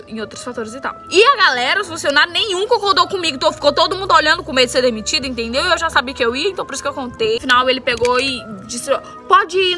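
A woman telling a story in a casual, animated way and acting out the lines she quotes. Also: high-pitched. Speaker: TikTok storyteller. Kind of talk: casual storytime over slime video. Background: background music.

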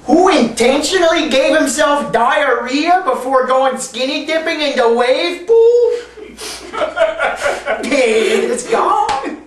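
Brash young man, high voice, drawn-out delivery. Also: lively intonation. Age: young adult. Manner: brash, exaggerated. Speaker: comedy sketch performer. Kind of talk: shouted call-and-response joke delivery. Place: bare indoor room, standing group. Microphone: camera mic a few metres away. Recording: roomy, distant camera audio with noise.

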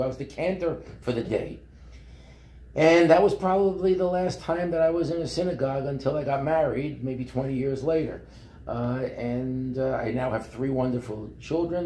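A man, telling his life story in a relaxed, rambling way with many fillers and restarts. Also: medium pitch, echoey room. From Brooklyn, New York. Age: 70s. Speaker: company founder. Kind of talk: interview storytelling. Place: office meeting room.

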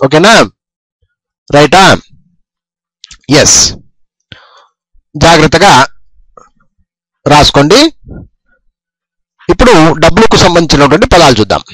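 Lively high-voiced male English teacher. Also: no echo, poor audio. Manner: slow, repetitive dictation, stressing each sound. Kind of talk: phonics lesson explained in Telugu.

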